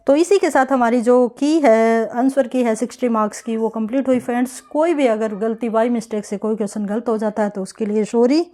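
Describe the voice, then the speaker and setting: A woman, working through an exam answer key as an English tutor, reading each question slowly and then explaining it in a chatty way. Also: fairly high pitch, dark tone.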